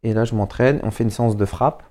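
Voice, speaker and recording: A young man with a Paris suburbs accent, a footballer chatting as a podcast guest, slangy and animated as he acts out what people said. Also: fairly low pitch, quick pace. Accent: Parisian suburbs French. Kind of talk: casual storytelling chat.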